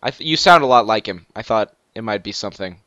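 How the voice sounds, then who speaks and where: A teenage boy hosting a casual game let's play, rambling and excitable with lots of fillers and restarts. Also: fairly low pitch, fast, dry recording. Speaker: gaming channel host. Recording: dull lo-fi dry mic.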